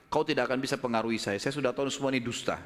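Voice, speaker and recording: A man voicing a firm, unafraid young male believer who speaks in an earnest, steady tone. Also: mid-range voice, very fast, long reverb tail, natural voice.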